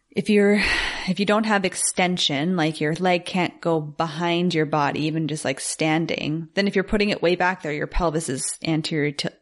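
A woman with a notably low voice describes yoga postures and her own practice in a casual podcast chat. She talks loosely, filling her sentences with "like" as she explains. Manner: chatty, full of "like".

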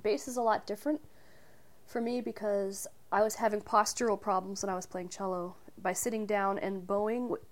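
A woman in her forties from Oregon, a musician guest. She talks in an easygoing, unhurried way and explains things in detail. Her voice sits at an ordinary middle pitch. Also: steady tone. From Salem, Oregon. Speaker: guest, bass and cello player. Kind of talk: casual interview.

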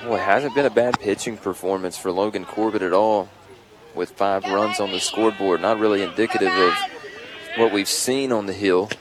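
Low-voiced man calling baseball play-by-play. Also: moderate pace. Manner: clipped, short descriptive calls. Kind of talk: live play-by-play commentary. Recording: outdoor ballpark with clear crowd noise. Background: ballpark crowd.

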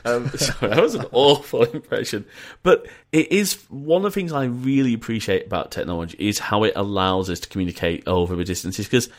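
A man's voice: medium pitch, brisk, hardly any pauses. A man with a northern English accent from Yorkshire, hosting a casual podcast chat over an internet call, chatty and rambling with joking asides. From North of England. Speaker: podcast host.

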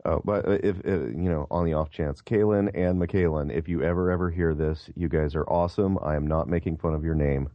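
A man's voice: very deep voice, steady tone, a little fast, hardly any pauses, no room sound. A man co-hosting a casual podcast, chipping in playfully, on a lo-fi recording. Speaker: podcast co-host; English professor. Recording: dull lo-fi podcast audio, very dry.

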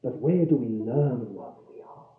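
A man preaching a sermon, swinging between loud declarations and hushed low phrases and repeating lines for emphasis. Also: expressive, unhurried. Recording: tinny, echoey old hall recording.

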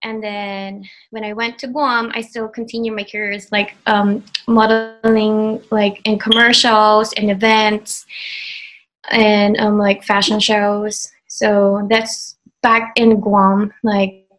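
Heard on a low-quality recording, a woman in her thirties speaks slowly at medium pitch with little pitch movement. Originally from the Philippines and a first-language Tagalog speaker with a Filipino accent, she graduated from an online program and answers a casual interview hesitantly, with many fillers and restarts.

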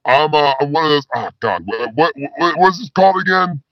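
Guy playing a stoner spy caller, voice pitched down, all over the place pitch-wise, muffled phone sound. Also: lively intonation, normal speed, creaky, no room sound. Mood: laid-back. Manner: stoner slang, rambling, laid-back. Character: slacker male spy caller with disguised voice. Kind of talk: comedy call-in sketch. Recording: dull lo-fi phone call.

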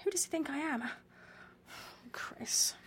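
An actress playing an unnerved, exasperated wife in a naturalistic drama, dry and brittle with sighs. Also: female voice, sits high, takes it slowly, in a whisper. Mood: upset, indignant.

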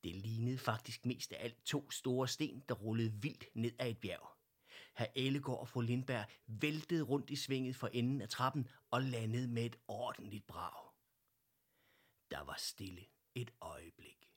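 Man reading a kids story, husky voice, soft and gentle, middle pitch. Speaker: narrator.

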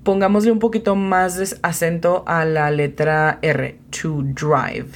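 Her voice on the low side, steady, and unhurried, a language teacher and host runs a beginner lesson for a bilingual English lesson podcast. She patiently explains vocabulary, spells words out, and encourages her student.

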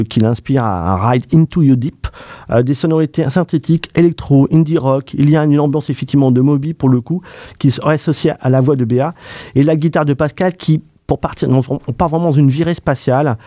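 A man's voice: on the high side, dark tone, no room sound, clean studio sound. A man hosting a radio music show, reviewing an album with effusive praise, many fillers and repeated superlatives. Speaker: radio host. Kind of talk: enthusiastic music review chat.

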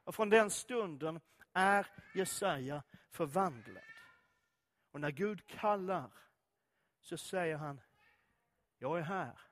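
A man's voice: high-pitched, animated, pauses often, fairly bright tone. A man preaching a sermon, reading scripture and talking to listeners in a conversational way full of direct questions.

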